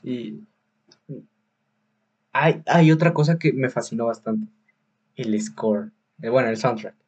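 A man with a Mexican Spanish accent chats casually about films as a podcast host, circling his points with fillers, restarts and street slang. His voice is husky and sits in a middle pitch. The recording sounds dull and lo-fi. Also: takes it slowly, a little mellow. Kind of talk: casual film review chat.

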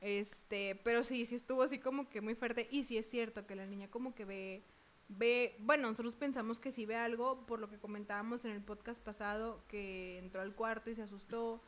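A woman co-hosting a casual podcast who tells a story with a lot of expression. Her voice is fairly high. She jumps into quoted voices and laughs along the way. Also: fairly even intonation, normal speed, slight background noise. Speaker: podcast co-host.

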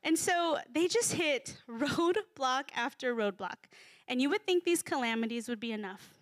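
Chatty high-voiced woman preaching. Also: lively intonation, normal speed, no echo, clean studio sound. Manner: chatty and humorous, with frequent fillers. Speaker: speaker at a church gathering. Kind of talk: casual sermon to a live congregation.

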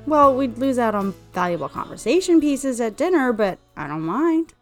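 A woman's voice: fairly high pitch, very animated, normal speed, faint music behind. A woman voicing a confident, teasing store clerk who flirts openly. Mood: flirty. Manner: teasing, forward.

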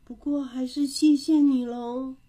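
A woman's voice: sits high, unhurried, pitched above the performer's own voice. A woman voicing an eager little boy who keeps showing off his drawing. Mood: disappointed. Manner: excited, insistent calling out.

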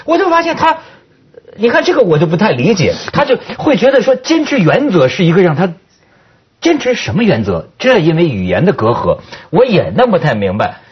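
A man in his forties hosting a talk show, in a chatty, expressive way. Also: high voice, brisk, husky, dull audio. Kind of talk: casual panel chat.

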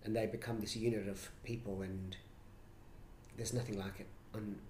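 Brief: lowish-voiced man, excitable storyteller, recorded in a roomy space with faint hum. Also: moderate pace. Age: middle-aged. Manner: enthusiastic, animated storytelling. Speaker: choreographer and director, guest. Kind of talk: conversational interview. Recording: roomy echo, faint ambience.

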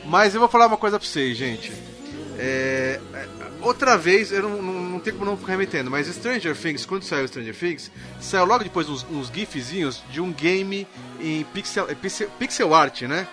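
A man co-hosts a relaxed podcast. His voice sits high, and he tells a story eagerly over clearly audible music. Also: normal speed. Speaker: podcast co-host. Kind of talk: casual podcast chat.

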